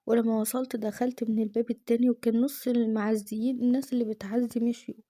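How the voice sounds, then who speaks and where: Egyptian woman reading a dramatic true story, rapid and emotional, mellow tone, dry close mic. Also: fairly high pitch, level tone, dry recording. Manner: emotional, fast-flowing. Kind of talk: first-person dramatic story narration.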